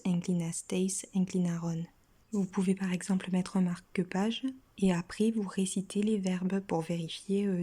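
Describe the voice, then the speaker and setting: A woman with a French accent giving a casual language lesson, slowly and patiently reciting verb forms, often sinking into a half-whisper. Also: lowish voice, darkish tone. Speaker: teacher.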